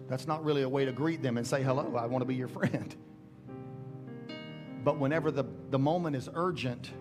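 A middle-aged man pastor preaching a sermon on a large church stage through a headset mic, with emphatic rising calls and slow, drawn-out scripture readings. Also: medium pitch. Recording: church sermon with music behind.

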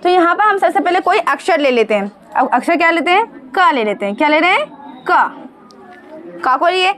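High-pitched woman teaching young children. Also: sing-song, fairly bright tone. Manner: patient, slow and drawn-out sounding of syllables, asks the children questions. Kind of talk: children's Hindi lesson.

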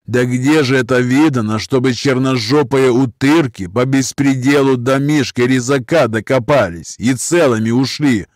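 A man voicing a huge scarred ex-convict who threatens slowly in criminal slang. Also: medium pitch, dry recording, clean studio sound, pitched above the performer's own voice, lightly acted. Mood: menacing. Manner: slow, menacing, criminal slang. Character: scarred hulking ex-convict, menacing.

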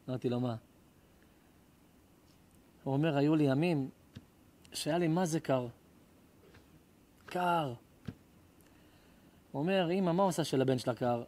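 Impassioned rabbi preaching, high-pitched man. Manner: impassioned, swings between loud cries and hushed tones. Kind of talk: emotional sermon with storytelling. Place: live lecture before an audience.

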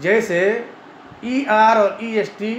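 Indian urdu accent guy teaching grammar class, highish voice, keeps saying "है ना", clears his throat a lot, roomy echo, kinda muffled recording. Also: fairly even intonation, extremely slow. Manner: repeats points, frequent "है ना" checks with students. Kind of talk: classroom lecture. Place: madrasa classroom. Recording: echoey room, dull lo-fi sound, faint hiss.

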